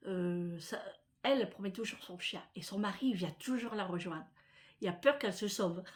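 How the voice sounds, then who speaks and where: A middle-aged woman from France talks straight to her viewers in a relaxed, rambling vlog chat. Her speech wanders from one small aside to the next, full of fillers and restarts. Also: mid-range voice. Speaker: vlogger. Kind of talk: casual chat to camera.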